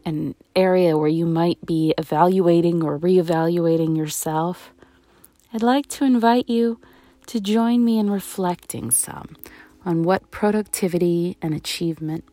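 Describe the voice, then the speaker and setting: Female meditation guide, soft and soothing, lowish pitch, very slow measured delivery. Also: no room sound. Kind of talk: guided meditation, reflective talk.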